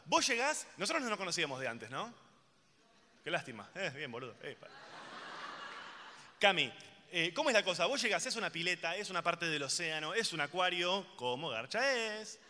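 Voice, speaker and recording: A man with an Argentine accent doing a live stand-up routine, chatting and teasing the crowd with loud bursts. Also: high-pitched, very animated, normal speed, long reverb tail. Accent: Argentine Spanish. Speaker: stand-up comedian.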